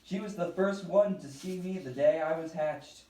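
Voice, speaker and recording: A man voicing an excitable, self-important childlike bird puppet in a children's skit. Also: on the high side, moderate pace, close to an everyday voice. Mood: earnest storytelling. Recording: echoey room, distant mic.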